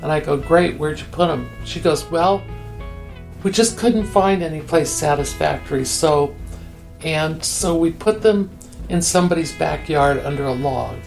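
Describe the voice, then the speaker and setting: A woman's voice: low voice, measured pace, gravelly, faint music behind. An older woman being interviewed, telling a story candidly and acting out the quoted dialogue. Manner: animated, acts out quoted dialogue.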